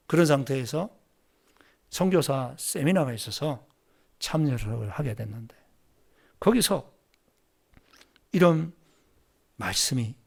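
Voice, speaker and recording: A man preaching a sermon as pastor at a church service, telling stories in an animated way and acting out the dialogue. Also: a little high, vocal fry.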